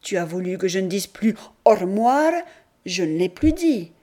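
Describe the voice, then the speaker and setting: A woman reading aloud and voicing a proud, sharp-tongued country mother who scolds defiantly and with emphasis. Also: mid-range voice, very animated, unhurried. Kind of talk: audiobook character reading.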